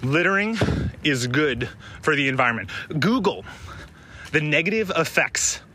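A man's voice: a little high, big pitch swings, unhurried, sharp tone, a little hiss or hum. A young man vlogging outdoors while he runs by a river, a little out of breath, rambling and swearing as he argues a contrary point. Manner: profane, rambling, provocative. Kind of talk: running vlog monologue. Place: outdoors, running along a riverside.

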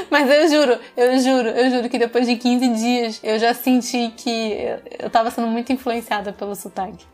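A woman's voice: on the high side, moderate pace, a little mellow, soft background music. A woman with a Carioca accent from Rio, chatting enthusiastically as a podcast co-host. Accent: Carioca Brazilian Portuguese. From Rio de Janeiro, Brazil. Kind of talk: casual podcast chat.

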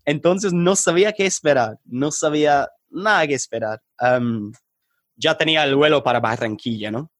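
Man telling stories in halting Spanish. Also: a little high, dry recording, studio quality. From England. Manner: hesitant, halting, animated anecdote telling. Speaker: podcast guest. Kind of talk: casual storytelling in an interview.

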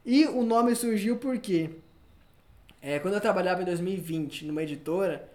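A man's voice: sits high, normal speed. A young man with a Brazilian accent hosting a podcast, telling stories in a casual, slangy way and acting out what people said. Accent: Brazilian Portuguese. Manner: animated storyteller, slangy, acts out quotes. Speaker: podcast host. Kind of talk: casual chat. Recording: echoey room.

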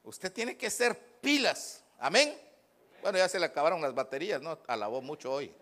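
A male pastor preaching a fervent sermon, swinging between shouts and low asides. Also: lively intonation, normal speed.

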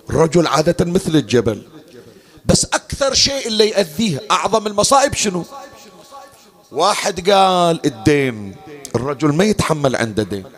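A man delivering a mourning sermon, moving between spoken storytelling and slow sung lament. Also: a little high. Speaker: mourning preacher.

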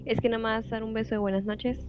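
A woman's voice: fairly high pitch, flat delivery, quick pace, dull audio, slight background noise, lightly acted. A woman voicing a jealous, bitter wife of fifty who keeps accusing and questioning her husband. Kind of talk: audiobook dialogue reading.

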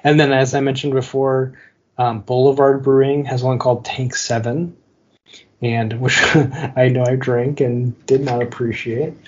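A man's voice: medium pitch, level tone, unhurried, dull audio. A man co-hosting a podcast in casual chat, talking loosely with many fillers and frequent laughs. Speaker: podcast co-host.

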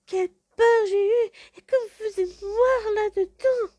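A woman voicing a little girl in a storybook tale, in a high, childlike tone. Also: animated, a little slow, a little mellow, no echo. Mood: shaken.

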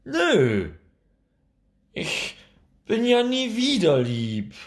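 Storybook tantrum: a tiny furious girl who shrieks high and loud, as a man puts her on. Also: wildly swooping pitch, extremely slow, exaggerated voice. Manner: shrieking, screaming. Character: small furious young girl, stubborn and loud.

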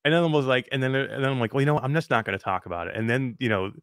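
A man co-hosting a casual chat show, talking in animated rants and often breaking off mid-sentence. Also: medium pitch, rapid-fire, clean tone, no room sound, clean studio sound. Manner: animated, ranting, self-interrupting. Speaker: podcast co-host.

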